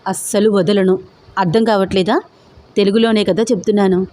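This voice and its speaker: A woman voicing a stubborn, teasing young man in love, playful and persistent, with a mellow tone. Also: medium pitch, fairly even intonation, normal speed, close to an everyday voice.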